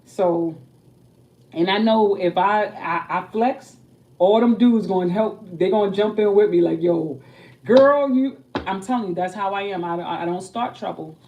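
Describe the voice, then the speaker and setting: A woman's voice: medium pitch, moderate pace, lo-fi sound. A young adult woman giving a tarot reading and chatting about her night in a casual, streetwise way. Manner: chatty, streetwise, animated when telling stories. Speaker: tarot reader. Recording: voice a bit far from the mic, faint background noise.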